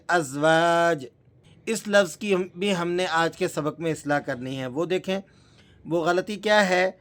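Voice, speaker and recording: A man teaching Quran recitation step by step in Pakistani-accented Urdu, explaining patiently and drawing out the recited examples. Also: fairly high pitch.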